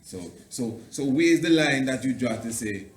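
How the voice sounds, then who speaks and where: A man's voice: mid-range voice, normal speed. A man interviewing in Rastafarian speech, using "I and I" phrasing and circling his way through long, repeated questions. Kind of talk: interview, casual theological discussion. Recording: roomy echo, faint background noise.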